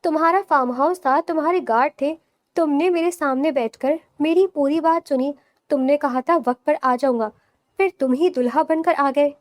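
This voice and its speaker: A woman's voice: sits high, lightly acted. A woman voicing a fiery, flustered young bride. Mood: indignant.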